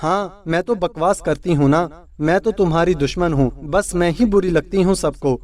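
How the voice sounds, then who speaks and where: A man's voice: high voice, a little mellow, distant mic, natural voice. A man voicing a sulky, scheming young wife who complains and accuses tearfully. He keeps close to his own voice, set back from the mic. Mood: angry.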